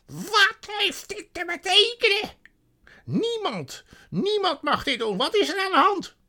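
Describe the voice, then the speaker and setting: A man's voice: very high-pitched, very animated, unhurried, bright, forceful tone, pitched above the performer's own voice, heavily acted. A man voicing a cruel, imperious witch queen who screeches commands far above his own voice. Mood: furious.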